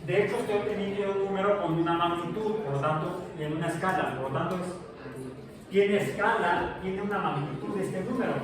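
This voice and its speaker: A man's voice: high voice, fairly quick, a crowd in the background. A male science teacher giving a classroom physics lecture, explaining step by step with restarts and checks. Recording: echoey classroom from far off, noisy.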